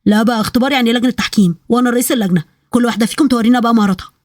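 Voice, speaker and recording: A scheming, playful Egyptian uncle pitches his ideas in a rush, voiced by a woman narrator. The delivery is quick and the sound close and dry. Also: darkish tone, no room sound, close to an everyday voice. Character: scheming middle-aged uncle, greedy joker.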